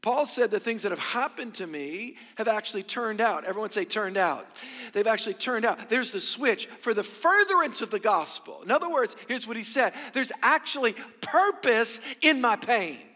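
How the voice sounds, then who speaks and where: A man's voice: high voice, lively intonation, normal speed, sharp tone. A middle-aged man preaching a sermon at a pulpit microphone, emphatic, repeating key phrases and putting rhetorical questions to his congregation. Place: large hall, preaching to a congregation. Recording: reverberant hall, amplified pulpit sound.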